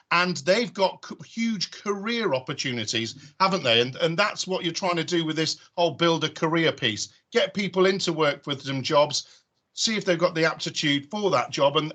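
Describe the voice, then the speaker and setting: A British male host speaks conversationally on a video call. His voice is bright, forceful and a bit high, and he often ends statements with tag questions. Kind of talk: conversational hosting.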